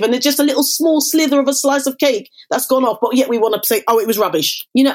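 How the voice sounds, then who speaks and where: Brief: woman life coach guest, slightly high voice, emphatic and motivational. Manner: emphatic and motivational, using catchphrases. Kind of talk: casual conversation.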